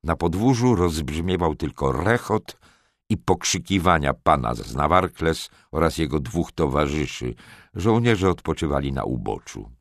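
A man narrating a historical novel as an audiobook, measured and steady. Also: a bass voice, no echo, clean studio sound.

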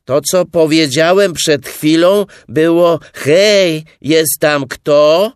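A man voicing a cheerful, simple-minded male teddy bear in a high, loud, sing-song voice. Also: slow, clean tone, no echo, studio quality. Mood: calling out.

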